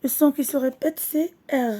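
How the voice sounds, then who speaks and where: A woman teacher, giving a slow classroom lesson. She stretches each word, repeats it, and switches between French and Arabic to explain. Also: high-pitched, steady tone, warm tone.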